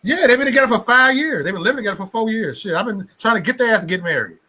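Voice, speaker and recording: A man in his forties hosting a live stream chat, telling family stories with an animated manner and a husky voice. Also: high-pitched, racing. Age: 40s. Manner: animated, laughing storyteller. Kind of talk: casual group chat.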